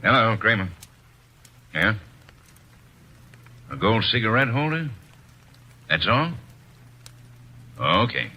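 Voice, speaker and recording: An actor playing a gruff, accusing male police inspector in old-time radio acting, husky and blunt. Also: on the low side, big pitch swings, takes it slowly, pauses often, bright, forceful tone, slight background noise, full character voice. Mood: needling. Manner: blunt, needling, lays out his case.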